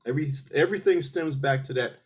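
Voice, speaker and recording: A fairly high, husky voice at a quick pace belongs to a middle-aged Philadelphia man, an army veteran appearing as a guest in a casual interview. He speaks earnestly, explaining things step by step with many restarts.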